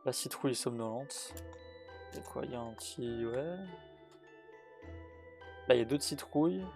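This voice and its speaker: A man's voice: mid-range voice, normal speed, vocal fry, a little mellow. A man commenting on a horror game as he plays, translating its text aloud with many fillers and restarts. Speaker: gaming youtuber. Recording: faint game music behind.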